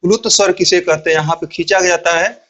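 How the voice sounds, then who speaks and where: A man with a high voice teaches a grammar lesson. He explains each point slowly and deliberately, step by step, and keeps asking his class questions that he then answers himself. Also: steady tone, a bit bright.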